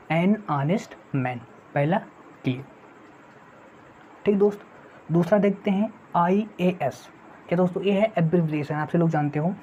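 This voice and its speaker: An English teacher runs an online grammar lesson for exam prep in a low, mellow voice, repeatedly posing rhetorical questions to viewers and restating key points. The sound is dull and lo-fi, with a faint hiss beneath it.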